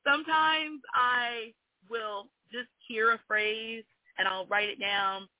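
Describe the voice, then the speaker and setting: This guest poet, a woman in her forties whose Southern speech carries a hint of New Orleans, talks openly and laughs a lot in a casual interview. She speaks slowly in a steady, slightly high voice. There's no room sound, just tinny phone-line audio.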